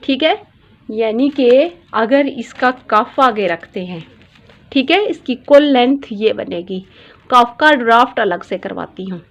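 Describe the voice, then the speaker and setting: Woman, sewing tutorial, slow and deliberate, patient, repeats measurements. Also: fairly high pitch, lively intonation, muffled recording. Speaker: dress designer teaching pattern drafting.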